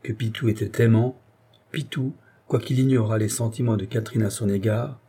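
A man reading a classic novel aloud as an audiobook narrator, steady and expressive. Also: lowish voice, normal speed, slightly rough.

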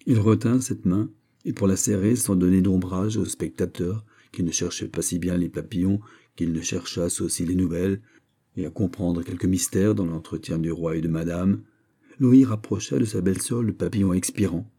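A man narrating a classic novel in a measured, calm literary reading. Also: low-pitched, breathy edge. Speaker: audiobook narrator.

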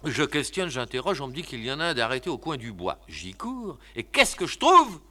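A man voicing an excitable, flustered young bridegroom in a one-man reading of a stage comedy, talking fast and exclaiming. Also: medium pitch, full character voice. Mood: storytelling. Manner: rapid, exasperated, exclamatory.

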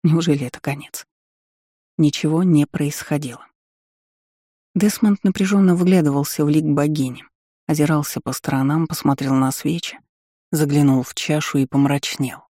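Man reading an audiobook, warm dark tone, very dry close sound. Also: a little high, fairly even intonation, moderate pace, no room sound. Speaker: audiobook narrator. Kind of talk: scripted first-person narration.

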